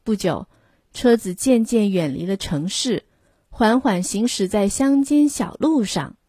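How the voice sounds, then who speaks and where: A woman reading a children's picture book aloud, slowly and gently, lifting her voice for the characters. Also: medium pitch, animated, breathy edge, dry recording. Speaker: storyteller.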